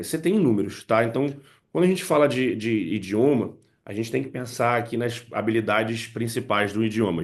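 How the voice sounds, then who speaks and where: A man with a creaky, mid-range voice explains step by step how to use poems when teaching English. Addressing parents and teachers, he checks in frequently with "né" and "tá."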